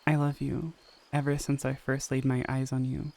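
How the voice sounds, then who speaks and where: A man's voice: medium pitch, flat delivery, moderate pace, vocal fry, a little mellow, lightly acted. A man reading the lines of an earnest young male soldier who pleads with the woman he loves, in an audio story. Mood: tender.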